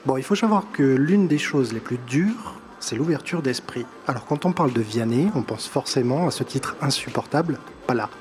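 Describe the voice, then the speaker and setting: A man with a mid-range, somewhat dark voice and a slight non-native accent in French delivers a music column on a live show. He's animated and enthusiastic, speaking at normal speed with few pauses, and he chats casually and laughs at himself throughout this light live-show chronicle.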